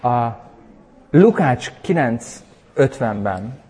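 A man preaching a sermon and leading a prayer, emphatic and animated, with sudden loud bursts. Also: medium pitch, a little hiss or hum. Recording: husky voice in a long-reverb hall.

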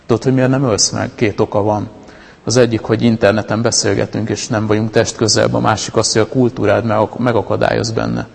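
Gravelly low-voiced man preaching in a hall. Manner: conversational, with many restarts and fillers. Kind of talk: informal sermon talk.

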